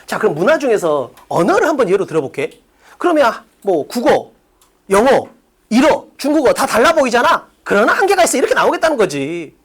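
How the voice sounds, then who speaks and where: A woman's voice: a little high, very animated, a little fast, slightly rough. A woman teaching an exam-prep English class in an academy classroom, firing off rhetorical questions and bluntly insulting students with profanity. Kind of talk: lecture on exam reading questions.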